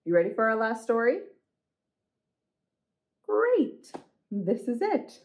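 A library storytime host reads aloud and chats with young viewers, speaking expressively and often asking them questions. Her fairly high voice swings hugely in pitch at a slow pace, and the sound is phone quality.

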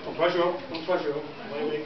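Teaching pupils indoors, a middle-aged native English speaker from southern England talks in simple, halting, repeated phrases, his English-accented voice on the high side with a level tone. A distant camera microphone records the echoey, noisy classroom, so he sounds muffled and from far off.

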